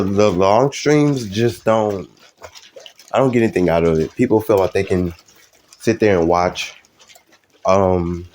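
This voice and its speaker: A man's voice: sits low, darkish tone, slight background noise. A young man live streaming, talking casually to his viewers in a rambling, hesitant way with many fillers and restarts.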